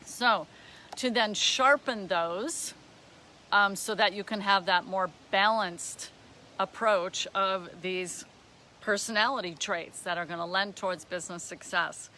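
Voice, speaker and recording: Bright-voiced woman mentoring live viewers. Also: mid-range voice, unhurried, slight background noise. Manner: chatty, greets and answers live viewers; counts items aloud under her breath. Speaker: business mentor. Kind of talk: live-streamed coaching session.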